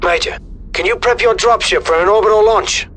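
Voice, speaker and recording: An actor playing a determined military captain in a video game, giving earnest, commanding radio orders. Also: male voice, high-pitched, brisk, fairly bright tone. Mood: urgent, determined. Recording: faint music behind the voice.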